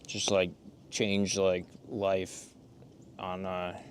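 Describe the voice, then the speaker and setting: A man's voice: low voice, extremely slow. A laid-back man casually chatting outdoors by a campfire in the snow, chuckling often between remarks. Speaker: channel co-host. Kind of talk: casual chat. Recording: outdoor recording with steady background noise.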